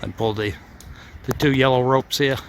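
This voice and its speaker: A man films outside at the foot of an antenna tower on a handheld camera, giving casual running commentary for a vlog as operator and helper. His mid-range voice holds a steady tone at normal speed, he chuckles at his own lines, and slight background noise comes through.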